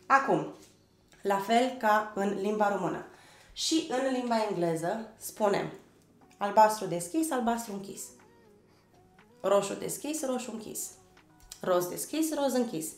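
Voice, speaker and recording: A woman's voice: mid-range voice, expressive, pauses often, roomy sound, soft background music. A woman from Romania teaching an online language lesson, who spells words letter by letter, drills pronunciation and checks in with her learners often. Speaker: English teacher. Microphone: desk microphone.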